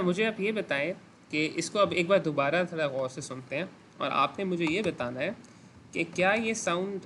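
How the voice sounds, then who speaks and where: A man's voice: high voice, fairly bright tone, slight background noise. A man teaching a clinical lesson over a video call, explaining step by step, questioning his students and mixing in English phrases. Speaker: medical teacher.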